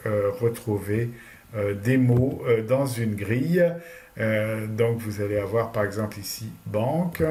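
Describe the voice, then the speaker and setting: A man giving a relaxed lecture about a language course, talking loosely with frequent hesitations. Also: fairly low pitch. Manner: hesitant, many fillers and restarts while explaining course material. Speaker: university lecturer. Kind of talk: casual lecture commentary.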